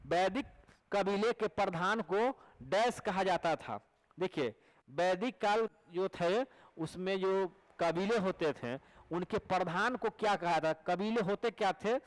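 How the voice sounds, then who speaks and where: A man's voice: sits high, poor audio. A male teacher with a Bihari Hindi accent, giving an exam prep lecture and repeating each question and answer back to his students. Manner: coaxing, asks rhetorical questions to check recall.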